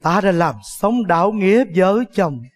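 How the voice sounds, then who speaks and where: A performer playing a heroic woman general, singing a slow, drawn-out opera role over loud music. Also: medium pitch, natural voice. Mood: solemn. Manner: slow, drawn-out commanding delivery. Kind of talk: sung Vietnamese opera role. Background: loud traditional music.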